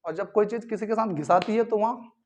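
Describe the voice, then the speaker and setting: A man's voice: high-pitched, quick pace, darkish tone. A man teaching a classroom lesson who drills sounds aloud over and over and keeps asking his students questions. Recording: dull lo-fi recording.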